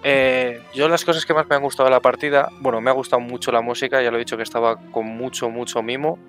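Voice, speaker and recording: A man's voice: mid-range voice, fairly even intonation, fast, fairly bright tone, faint music behind. Effusive man giving feedback. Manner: effusive, repeats words for emphasis. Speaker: tabletop game player giving feedback. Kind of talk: casual post-game feedback chat.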